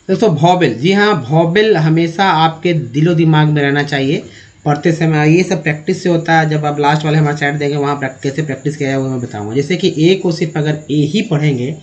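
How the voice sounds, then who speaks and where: A man teaching an English pronunciation lesson, slowly spelling words letter by letter and addressing viewers as friends. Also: fairly high pitch. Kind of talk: spoken language lesson. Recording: dull lo-fi recording.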